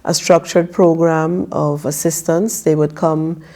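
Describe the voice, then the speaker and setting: Woman, 50s, from Guyana; low, mellow voice; slow, measured interview answers. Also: little pitch movement. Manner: measured, careful, with frequent filler pauses. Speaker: political candidate guest. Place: TV studio.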